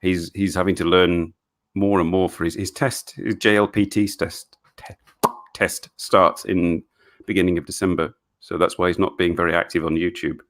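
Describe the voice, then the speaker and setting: On his live stream, this middle-aged man from England reads out questions from viewers and replies in choppy bursts full of false starts and frequent laughs. His voice is deep and low, with little movement in pitch.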